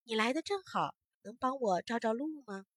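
A woman's voice: on the high side, expressive, moderate pace, no echo, clean studio sound. A woman voicing a small, hardworking ant that has lost its way, speaking politely and earnestly.

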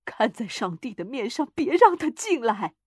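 A woman's voice: on the high side, sing-song, moderate pace, breathy edge, no room sound. Woman doing a scared old dad, voice all shaky, dry close sound. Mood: terrified. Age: older. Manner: shaky, trembling voice. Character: terrified old father, trembling and fearful.

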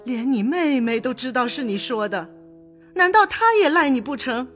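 Female actor: high, exasperated middle-aged mother for an audio drama, scolding. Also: expressive, moderate pace, fairly bright tone, soft background music.

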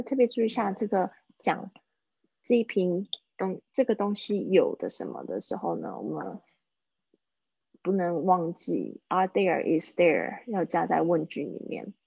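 A woman with a low, gravelly and husky voice teaches English in a live-streamed lesson. She chats along and slowly repeats phrases for her listeners to practice. The sound is dry and somewhat dull. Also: mellow, no echo.

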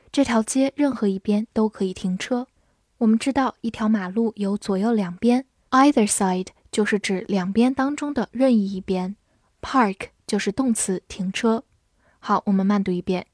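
A woman English teacher who spells words letter by letter and reads example sentences slowly and clearly. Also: on the high side, darkish tone, no echo, studio quality. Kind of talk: vocabulary lesson, spelling and slow reading.

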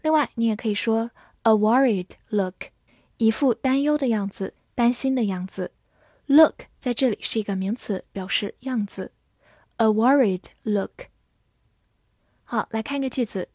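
A woman teaching English vocabulary in a scripted lesson, spelling each word letter by letter and reading example sentences slowly. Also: a little high, a little mellow, no echo, studio quality.

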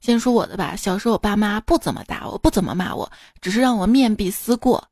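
A woman's voice: medium pitch, lively intonation, fast talker, darkish tone, no echo, studio quality. A woman hosting a podcast, reading out funny anecdotes and laughing at her own jokes. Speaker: podcast host.

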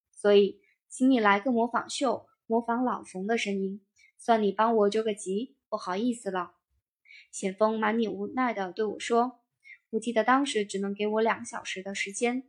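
A woman with a fairly high voice reads a first-person career memoir aloud. Her delivery is steady and even, a calm narrator's read.

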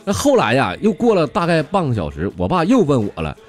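A man's voice: fairly high pitch, wildly swooping pitch, brisk, soft background music, voice pushed up. A man with a Northeastern Mandarin accent voicing a timid, whiny small boy in a comic story. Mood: plaintive.

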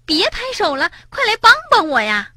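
A woman voicing a timid, easily frightened big female rabbit in a children's storybook, in a shrill, panicky voice. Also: sing-song, moderate pace, bright, forceful tone, no room sound, clean studio sound, full character voice. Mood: panicked.

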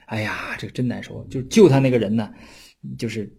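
A man giving a casual explanatory lecture on classical texts. He talks in a chatty way, often checks in with his listeners, and slows down to read old passages aloud. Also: lowish voice, creaky, mellow, slightly rough. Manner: chatty, often adds tag questions for listeners.

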